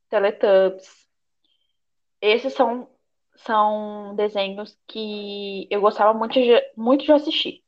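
A young woman with a Brazilian accent chats casually with a friend as a podcast co-host. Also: medium pitch. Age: young adult. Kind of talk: casual chat between friends. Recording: slightly dull, lo-fi audio.

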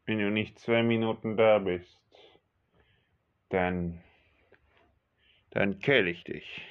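A man's voice: lowish voice, steady tone, clean tone. A man playing a menacing male hijacker who speaks in clipped, broken sentences in a homemade audio drama. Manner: threatening, clipped broken German, slow and heavy. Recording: dull lo-fi recording, faint music.

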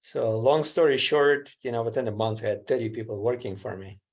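In a relaxed interview, a middle-aged guest entrepreneur from Ukraine shares his story in simple, somewhat broken English colored by his Ukrainian accent. He talks fairly quickly in a mid-range voice.

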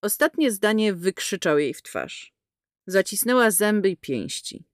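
Woman, audiobook narrator, expressive, lively pitch, dry close sound. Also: measured pace, no echo.

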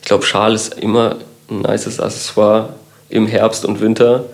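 A man's voice: on the low side, level tone, measured pace, creaky. A man speaking as a guest in a casual talk, easygoing and upbeat. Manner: easygoing, upbeat, good-humoured. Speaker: guest, designer. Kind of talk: casual interview chat.

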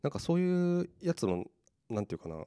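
A man's voice: on the high side, very animated, fast talker, dark tone, smooth, no room sound, clean studio sound. A man co-hosting a casual chat show, chatty and full of fillers, asking teasing questions. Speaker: podcast co-host.

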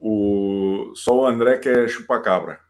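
A man hosting a live show in casual chat, excitable and swearing freely. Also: on the low side, a little slow. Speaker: host.

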